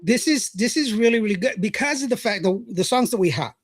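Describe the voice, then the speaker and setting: A man's voice: sits high, animated, brisk, dry recording, studio quality. A man hosting a podcast, chatting casually, joking, rambling and laughing often. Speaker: podcast host. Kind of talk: casual chat.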